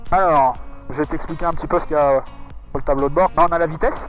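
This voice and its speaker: A man's voice: a little high, fairly even intonation, fast, lo-fi sound, faint music behind. A man heard over a pilot headset in a light aircraft, casually commenting on his flight as a pilot and vlogger. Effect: pilot headset intercom sound. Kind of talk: casual flight vlog commentary and radio calls. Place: small light aircraft cockpit. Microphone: aviation headset.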